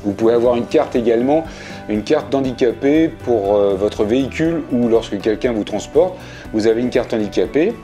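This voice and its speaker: Soft background music accompanies this casual explainer from a fifty-something video creator seated at home. He speaks at a moderate pace in a dark, animated mid-range voice, chatty and plain, with many fillers.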